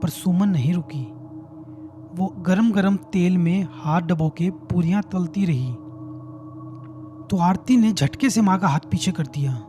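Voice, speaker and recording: A man's voice: high-pitched, measured pace, warm tone, soft background music. A man narrating a horror story in a dramatic, suspenseful way.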